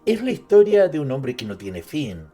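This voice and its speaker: A man with a slightly high, mellow voice narrates an author's life and works at a normal speed, very animated, in a dramatized literary style. He speaks straight to the listener with conversational asides, and music plays behind him.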